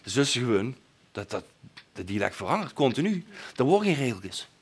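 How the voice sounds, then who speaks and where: Halting Limburg man explaining, mid pitch. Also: big pitch swings, slightly rough. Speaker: panelist. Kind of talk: explanatory discussion.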